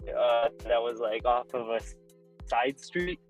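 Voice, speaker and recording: A man's voice: mid-range voice, measured pace, dull audio, soft background music. A man chatting casually with a friend on a stream, joking in a profane way and laughing often. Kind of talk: casual chat.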